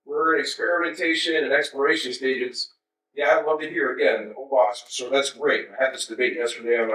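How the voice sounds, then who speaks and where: A man in his fifties gives a keynote from a podium in a large, dark conference hall, talking in a loose, wry way with asides to the crowd. His voice is bright and forceful. The sound is roomy and picked up from some distance. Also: medium pitch. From United States. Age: 50s. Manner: conversational and wry, with asides to the audience. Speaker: keynote speaker.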